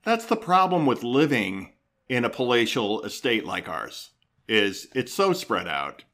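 A man's voice: medium pitch, big pitch swings, measured pace, a bit bright. A middle-aged man co-hosting a home podcast with his son, chatting casually and joking self-deprecatingly from the dining room table. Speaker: podcast co-host, the dad. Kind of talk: casual chat.

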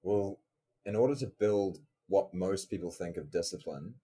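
A man explaining research as an interview guest, measured and careful in how he puts things. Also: sits low, warm tone, breathy edge. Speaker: podcast guest, researcher and online coach.

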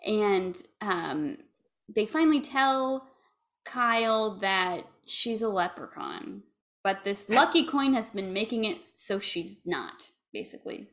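A woman's voice: medium pitch, animated, slow, fairly bright tone. A woman chatting casually as a podcast co-host, retelling a movie with lots of "like" and laughter. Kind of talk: casual chat recapping a movie.

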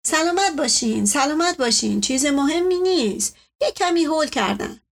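A woman's voice: sits high, animated, vocal fry, voice pushed up. A woman voicing a flustered male family doctor who keeps placating his patient. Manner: placating, repeating reassurances.

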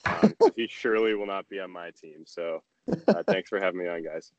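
A man's voice: low-pitched, sing-song, a little fast, dry recording, lo-fi sound. A young man, a guest on a podcast, chatting casually and laid-back with lots of hesitant fillers. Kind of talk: casual chat.

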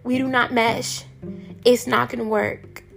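A hoarse, raspy woman hosting a podcast, delivering an irritated, heated rant and cussing freely. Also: a little high, little pitch movement, a little slow, over music. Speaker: podcast host. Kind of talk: ranting monologue.

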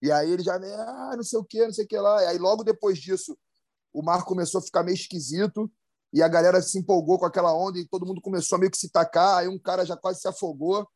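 This professional big-wave surfer from Brazil talks fast in a high, steady voice, recorded in studio quality without room sound. He spins a casual, slang-filled podcast story with many restarts and sound effects.

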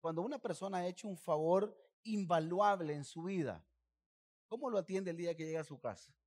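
A male pastor delivering a sermon with a high-pitched voice. He preaches emphatically and keeps calling the congregation to say phrases back with him. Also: a little fast, a little mellow.

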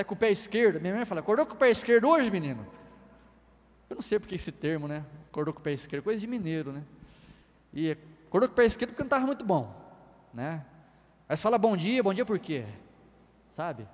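A man's voice: high-pitched, lively intonation, quick pace. A middle-aged man preaching a sermon in a chatty way, firing rhetorical questions and tagging lines with 'né'. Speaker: pastor. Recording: long hall reverb.

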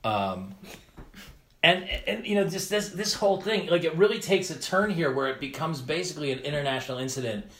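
A man's voice: on the high side, animated, brisk, a bit bright. A man hosting a casual comedic podcast, rambling and exasperated, with swearing and a cave-like reverb on his voice. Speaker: podcast host. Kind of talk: casual comedic chat, recapping an animated show.

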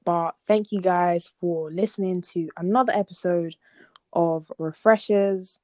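A young woman co-hosts a podcast, chatting casually and rambling in a laid-back way with lots of fillers. Her voice is lowish, steady, and mellow at a measured pace, and the recording is dry.

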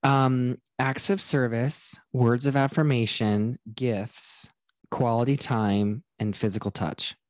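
Laid-back podcast co-host, slow-spoken, mid pitch, dry close sound. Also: steady tone, no room sound. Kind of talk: casual podcast chat.

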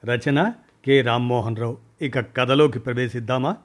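A man narrating a first-person short story in a measured, deliberate reading. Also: medium pitch, fairly even intonation.

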